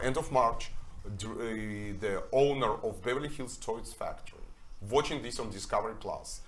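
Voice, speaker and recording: A man from Russia speaks at a middle pitch, earnest and emphatic on a festival panel. His grammar slips as he talks, and his voice sits at a middle height for a man. A faint hiss runs under his voice. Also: fairly bright tone. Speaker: documentary filmmaker, panelist. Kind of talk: panel discussion.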